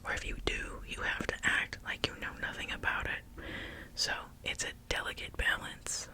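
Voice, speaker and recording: An ASMR creator chatting in a soft, breathy whisper, with gentle pauses between phrases.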